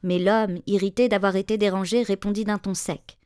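A woman reads a storybook tale aloud, measured and expressive. Her voice sits in a natural middle register and sounds close and dry. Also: medium pitch, clean tone, dry recording. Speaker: narrator. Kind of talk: storybook reading.

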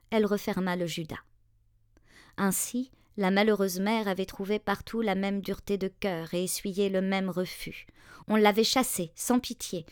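A woman narrating a fairy tale in a measured, expressive reading voice. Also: mid-range voice, clear, resonant tone, no room sound, clean studio sound. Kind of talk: storybook narration.

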